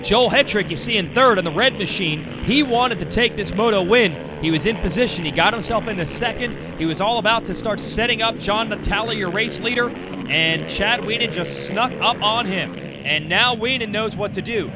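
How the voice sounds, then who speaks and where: A man working as a motorsport commentator, calling a race play-by-play in an excited, emphatic way. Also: sits high, moderate pace, very noisy. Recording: loud music bed behind the voice. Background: loud music.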